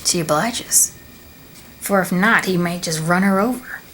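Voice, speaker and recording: Slow, soft-spoken woman storyteller. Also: fairly low pitch, slight background noise. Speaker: storyteller and video creator.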